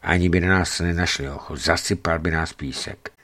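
An exhausted young driver, weary and breathless, as a narrator reads him in his own deep voice. Low-pitched and plain, as in a read-aloud memoir. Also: steady tone, a bit bright. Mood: shaken. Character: young man, worn-out driver, the narrator's son.

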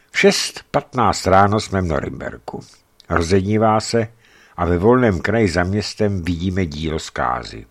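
Male narrator, very deep voice, lively intonation, measured travel storytelling, vivid emphasis. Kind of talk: scripted narration of a travel account.

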